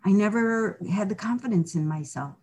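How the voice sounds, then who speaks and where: With a dark-toned, mid-range voice that's animated and at normal speed, a middle-aged woman opens up in a candid personal interview. She's earnest and reflective, frequently restarting her sentences and leaning on "you know."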